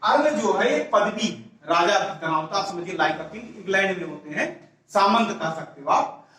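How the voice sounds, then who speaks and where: A man's voice: sits high, animated, normal speed, pushed and bright. A male teacher explaining English grammar to a class step by step, repeating words and asking rhetorical questions. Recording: echoey room, voice from far off.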